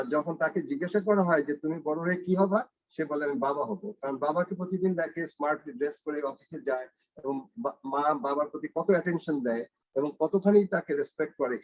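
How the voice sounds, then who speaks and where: A man's voice: on the high side, husky, dry recording. Man lecturing with rhetorical questions. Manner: conversational, asks rhetorical questions, mixes in English phrases. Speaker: university professor lecturing teachers. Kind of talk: lecture to teachers, told in stories. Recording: dry, dull lo-fi recording.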